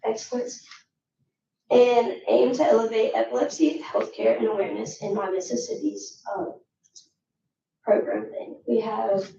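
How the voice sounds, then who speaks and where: Teenage girl, raspy whisper, lost voice, gravelly, distant mic. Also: fairly high pitch, level tone, moderate pace, dark tone. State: hoarse, voice nearly gone from cheering. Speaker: student award recipient speaking. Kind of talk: informal prepared speech. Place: echoey municipal meeting room. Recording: roomy, distant mic, muffled, faint noise.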